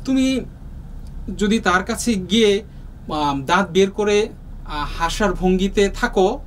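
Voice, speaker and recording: Heard far from the mic in a low-quality recording with faint room noise, a high-pitched Bangladeshi man explains a lesson to young students. His Bangladeshi Bengali-accented delivery is slow and patient, full of pauses and fillers.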